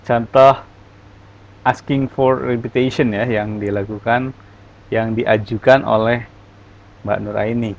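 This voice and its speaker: Slow-talking male English teacher. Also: mid-range voice, fairly even intonation, creaky. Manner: explains in Indonesian, reads English examples aloud. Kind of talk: online English lesson. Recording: dull lo-fi recording.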